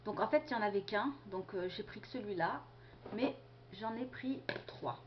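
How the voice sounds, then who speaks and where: A woman's voice: mid-range voice, normal speed, background noise. A young woman casually presenting her purchases to the camera, chatty and hesitant with lots of fillers, recorded at home on the camera mic. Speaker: beauty vlogger. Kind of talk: casual product haul video. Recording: dull lo-fi camera sound.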